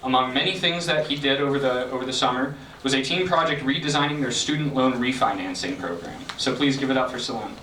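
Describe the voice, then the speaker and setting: A man's voice: mid-range voice, fast, hardly any pauses, noisy background. Man announcing an event in an echoey room. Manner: friendly, many fillers. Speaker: event organizer. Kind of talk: event introduction. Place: lecture room. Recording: echoey room, mic from a distance.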